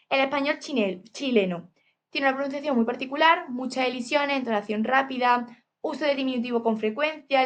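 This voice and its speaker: Woman, Spain Spanish accent, somewhat high voice, lecture read from slides, steady with filler asides. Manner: reads steadily, adds "eh" and "¿vale?" asides. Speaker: teacher presenting a topic.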